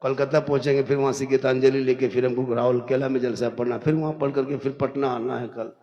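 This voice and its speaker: A man in his fifties with a regional Hindi accent from Jharkhand, preaching a humorous sermon at a religious gathering. He swings between loud declaiming, sing-song chanting and joking asides. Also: medium pitch, steady tone, a little fast, lo-fi sound. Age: 50s.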